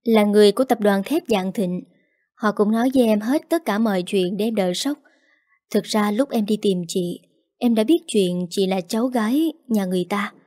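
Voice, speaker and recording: A tender young brother, gentle and soft-spoken, as a woman narrator puts him on. His words come out choked and soothing, in a mellow, warm tone. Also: mid-range voice, normal speed, lightly acted. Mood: earnest.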